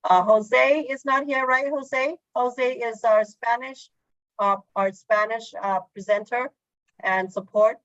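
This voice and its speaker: A woman hosting an online meeting in casual talk, halting and full of fillers. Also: a little high, fairly even intonation, fairly bright tone, no echo. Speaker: meeting host. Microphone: video call. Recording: dull lo-fi call audio.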